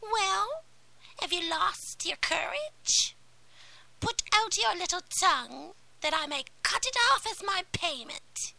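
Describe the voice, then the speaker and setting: A shrill, scheming old sea witch, put on by a woman in whispered role-play, her high voice leaping and swooping between hushed breath and bright, sharp cries. The sound has a gravelly edge over a faint hiss. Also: sing-song, slow, full character voice, poor audio. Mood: demanding.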